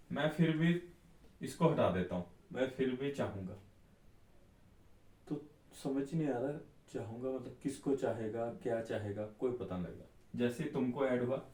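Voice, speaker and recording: A man teaching an Ayurveda class, explaining slowly and repeating the key terms. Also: medium pitch, lively intonation, a little mellow, recorded from a distance. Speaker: Ayurveda tutor. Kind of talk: classroom lecture. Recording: echoey room, voice off-mic.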